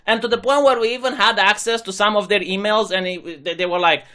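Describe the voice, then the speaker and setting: A man's voice: high voice, steady tone, fairly quick, pushed and bright. A young man from Romania, a channel host, giving sarcastic opinion commentary. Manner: sarcastic, mocking imitations of critics.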